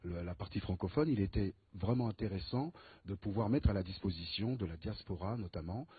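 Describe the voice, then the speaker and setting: A man's voice: lowish voice, lively intonation, fairly quick, breathy edge, dry recording. A man talking in a radio interview as an association guest, hesitant and full of fillers. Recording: dry narrow phone-like audio.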